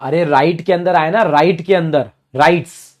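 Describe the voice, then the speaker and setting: A man teaching a live online class, answering student questions and repeating key points while sometimes acting out the parties in loud voices. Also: on the high side, normal speed. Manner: repeats key phrases to drive points home.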